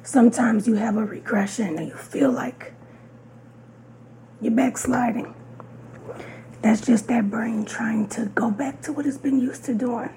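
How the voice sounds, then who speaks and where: A woman co-hosting a podcast in casual chat, her voice hoarse and husky from a sore throat, candid and playful with frequent laughs. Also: a little high, measured pace, pauses often, noisy background. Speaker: podcast co-host.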